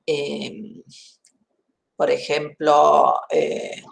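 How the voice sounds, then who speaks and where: A woman lecturing on grammar in an online university class explains things methodically, works through examples, and checks that her students understand. She has a deep, creaky voice with big swings in pitch and drawn-out words, and there is background noise.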